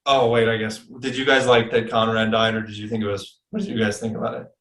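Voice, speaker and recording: A young man hosting a casual movie chat podcast, lively and animated, swearing casually and jumping up in pitch when excited. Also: quick pace. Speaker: podcast host.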